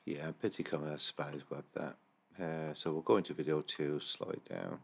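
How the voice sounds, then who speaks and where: This paranormal investigator from England has a very deep voice with vocal fry and a breathy edge, speaking at normal speed in a steady tone. Reviewing security camera footage at his computer, he rambles through casual screen-recorded commentary with plenty of fillers and false starts.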